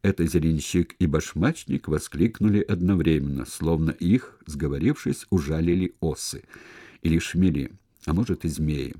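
Deep-voiced man narrating a novel. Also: moderate pace, dark tone, husky, dry recording, studio quality. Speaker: audiobook narrator. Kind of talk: scripted narration of a historical novel.

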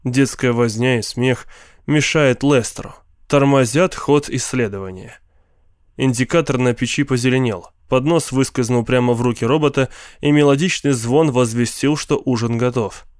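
A male narrator reads a science fiction story in an even, measured voice. His pitch sits in the middle for a man. The sound is dry and close with no room echo. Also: clear, resonant tone. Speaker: audiobook narrator. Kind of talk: scripted narration.

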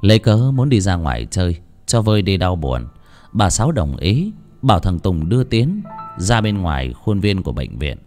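A man narrating a serialized novel in an expressive, dramatic storytelling manner. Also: low voice, moderate pace. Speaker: audiobook narrator. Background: faint background music.

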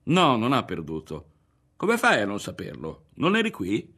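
Excited young companion, insistent, animated pitch, voiced by a male reader. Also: unhurried, breathy edge, full character voice.

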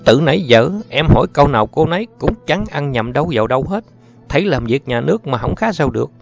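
A man doing a gruff, impatient grumbler. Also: mid-range voice, expressive, pitched above the performer's own voice. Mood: grumbling. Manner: grumbling, quick and curt. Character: gruff impatient adult man, brusque and scolding. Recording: muffled audio with faint music.

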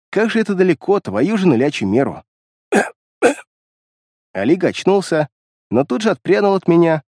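Casting: male fantasy audiobook narrator, calm expressive storyteller, a bit higher voice, dry studio. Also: no echo.

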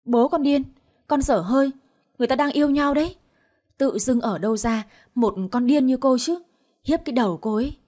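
A woman voicing an angry young woman who scolds and insults, her voice pushed higher and louder. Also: lively intonation, brisk. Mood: furious. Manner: shrill, insulting tirade.

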